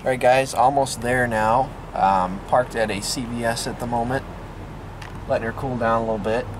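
A young American man vlogs casually to a handheld camera held at arm's length, in the cab of an old pickup truck and by the roadside. His mid-range voice is steady and at normal speed, with loud road, engine and outdoor noise throughout.

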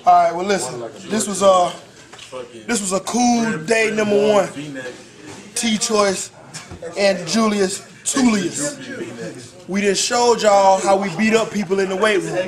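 A man's voice: sits high, unhurried, long pauses. A young man playfully hosting a rowdy locker room video for the camera, boisterous and full of slang. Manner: boisterous, loud hyped-up banter with slang. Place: indoor team locker room. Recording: noisy locker room chatter.

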